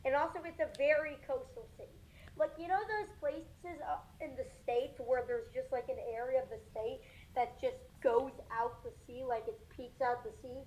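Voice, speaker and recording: A woman's voice: high-pitched, steady tone, moderate pace, a little mellow, slight background noise, rough recording. A woman co-hosting a live storm stream, talking in a rambling, chatty way full of fillers. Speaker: co-host of storm livestream. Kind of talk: casual live weather chat.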